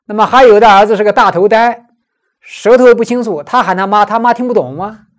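A woman's voice: mid-range voice, fairly quick. A woman giving a Buddhist scripture commentary lecture, explaining patiently and posing rhetorical questions she answers herself.

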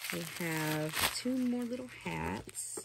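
An older woman chatting slowly and fondly in her small hobby room at home, gushing as she opens a doll box. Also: fairly low pitch, animated, gravelly, heavy background noise. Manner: chatty, softly gushing, slow and unhurried. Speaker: reborn doll collector. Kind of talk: casual unboxing chat.

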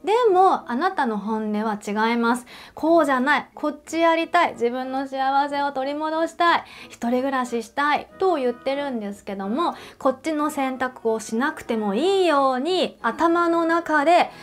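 High-voiced woman counselor giving emphatic advice. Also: moderate pace, hardly any pauses. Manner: emphatic, addresses viewer directly; uses everyday examples and questions. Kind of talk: advice talk to camera.

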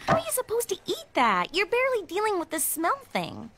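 A very high, animated teenage girl. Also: brisk, background noise, heavily acted. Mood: frank.

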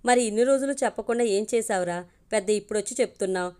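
A woman's voice: mid-range voice, fast talker, darkish tone, clear, resonant tone, lightly acted. A woman voicing a young man who questions his friend in surprise and exasperation, in a storybook reading. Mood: exasperated.

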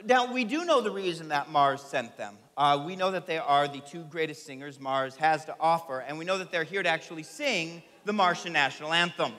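A man's voice: a little high, a little fast, few pauses, pushed and bright. A man in his thirties working as a comedy stage hypnotist, projecting commandingly to an audience in a theatre. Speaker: stage hypnotist and show host. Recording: echoey theatre hall with audience noise.

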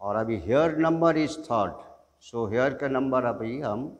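A man teaching an online drawing class, giving slow step-by-step instructions and mixing in English. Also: medium pitch, expressive, long reverb tail, dull audio. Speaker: art teacher.

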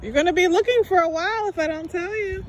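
A woman's voice: extremely high pitch, fast. A woman filming on a phone outdoors in a backyard, coaching and teasing as she directs an egg hunt. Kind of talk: casual off-camera coaching. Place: large backyard and woods outdoors. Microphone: phone camera held by the speaker. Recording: outdoor phone audio with clear wind and background noise.

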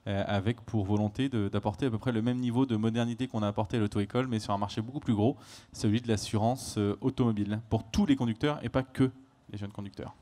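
A man, a company cofounder and CEO, presenting his business on a conference panel in a measured way. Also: on the low side, fairly even intonation, mellow.

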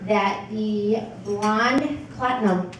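A young adult American woman with a mid-range voice gives an animated, joking maid of honor toast, halting with pauses and partly read from notes, into a handheld PA mic at an indoor wedding reception. Filmed from across the table, the sound is echoey, distant, and very noisy, with a laughing crowd filling the hall.

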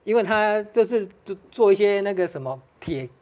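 A studio guest with a Taiwanese accent telling a ghost story on a talk show, talking quickly with many restarts and Hokkien phrases mixed in. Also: medium pitch, expressive, a little mellow. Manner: fast, hesitant, mixes in Hokkien phrases.

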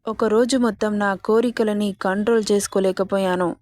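A woman's voice: medium pitch, steady tone, normal speed, darkish tone, natural voice. A woman reading as a cruel, possessive young rich man. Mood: menacing. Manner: threatening, possessive.

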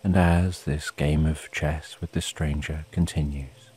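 A man narrating a bedtime sleep story in a calm, soothing, unhurried way with long pauses, as a sleep story narrator. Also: a bass voice, breathy edge. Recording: soft rain behind the voice. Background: rain.

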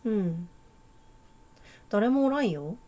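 A laid-back, boyish girl from a game, teasing and unhurried in a put-on Kansai-style dialect, as a woman reads her lines aloud. The voice is mellow and soft-edged, at a middle pitch. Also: expressive. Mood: easygoing. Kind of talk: game dialogue read aloud.

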